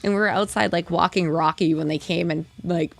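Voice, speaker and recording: A young woman co-hosting a podcast, telling stories in casual chat, animated and swearing freely. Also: lowish voice, brisk, gravelly. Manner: animated storytelling, heavy swearing, frequent laughter. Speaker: podcast co-host.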